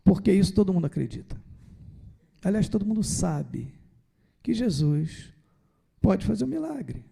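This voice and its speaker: A man's voice: high voice, very animated, unhurried, vocal fry, pauses often, dark tone, slightly rough. A man, a parish priest, giving a conversational Sunday homily and acting out pleas to Jesus. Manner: conversational, acts out dialogue with Jesus. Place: church.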